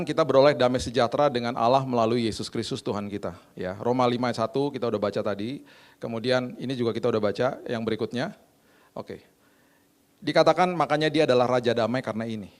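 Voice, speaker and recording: A middle-aged pastor from Indonesia preaching, telling stories with lively acted-out voices. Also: male voice, medium pitch, quick pace. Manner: animated storytelling with acted voices. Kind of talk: sermon. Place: church stage.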